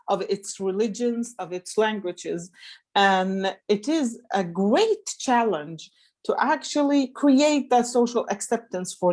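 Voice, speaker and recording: A woman's voice: mid-range voice, darkish tone. Earnest woman speaking on a panel. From Iraq. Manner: earnest, emphatic, thinking aloud. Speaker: panelist, member of parliament. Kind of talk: webinar panel remarks. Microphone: video call.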